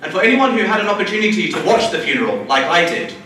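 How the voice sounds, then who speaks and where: A young man from the United Kingdom giving a prepared, rhetorical conference speech with measured repetitions. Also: sits high, sing-song, sharp tone. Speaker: conference panelist, local election candidate. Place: large conference hall. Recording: distant, echoey hall.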